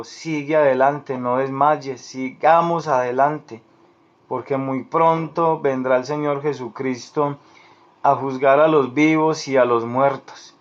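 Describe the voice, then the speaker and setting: A man preaching a sermon in an earnest, repetitive way, speaking directly to the listener as a beloved friend. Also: medium pitch. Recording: dull lo-fi recording.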